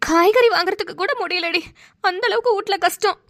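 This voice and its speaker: A dramatic village grandmother in a cartoon scolds and moans in a high, piercing voice, as a woman acts her out. She talks quickly and never stops complaining. Every line carries loud, theatrical feeling. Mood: lamenting. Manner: loud, scolding, full of wails and curses.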